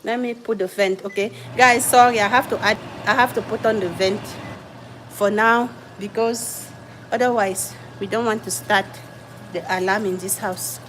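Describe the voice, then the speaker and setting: A woman's voice: medium pitch, fairly even intonation, moderate pace, fairly bright tone, slight background noise, rough recording. Chatty woman from Cameroon livestreaming her cooking. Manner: chatty, greets viewers by name, apologetic while multitasking. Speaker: livestream host. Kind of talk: casual livestream cooking chat. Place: home kitchen.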